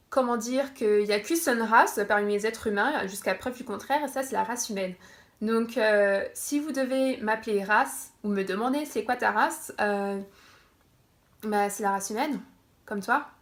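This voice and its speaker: A woman's voice: mid-range voice, a little slow. A young woman from France chatting casually on her vlog, laughing often and correcting herself as she goes. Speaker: vlogger.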